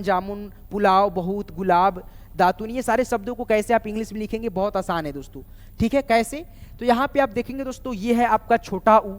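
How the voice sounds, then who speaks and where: Hindi teacher slowly spelling out letters. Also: male voice, sits high. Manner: slow, spells letters out one by one, often asks viewers questions. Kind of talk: spoken classroom lesson. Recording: long reverb.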